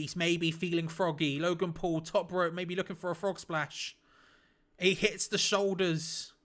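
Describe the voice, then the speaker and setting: Excitable man calling wrestling live. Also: on the high side. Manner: excitable, breaks into shouts at big moves; casual, blunt, swears lightly. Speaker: watch-along streamer. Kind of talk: live play-by-play reaction commentary.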